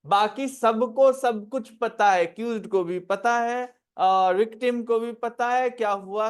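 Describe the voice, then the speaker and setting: A middle-aged man, a former judge teaching law in an unhurried classroom lecture full of anecdotes and questions to the class. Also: high voice.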